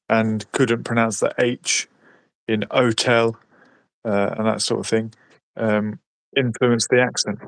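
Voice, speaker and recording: A man's voice: mid-range voice, vocal fry, no echo. A man from West London with a London accent, chatting casually and hesitantly, with many ums and restarts. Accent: London English. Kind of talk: casual chat.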